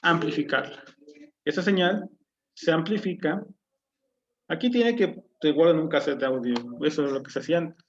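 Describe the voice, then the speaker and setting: A man's voice: fairly high pitch, moderate pace, long pauses. Man lecturing over a lo-fi mic. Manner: explanatory, asks the class questions. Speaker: teacher. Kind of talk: online class lecture. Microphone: low-quality computer mic. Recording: dull lo-fi mic audio.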